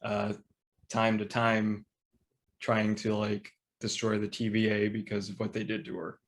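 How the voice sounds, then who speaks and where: A man's voice: fairly low pitch, little pitch movement, unhurried. A man co-hosting a podcast, chatty and loose, laughing easily in casual conversation. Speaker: podcast co-host. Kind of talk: casual chat.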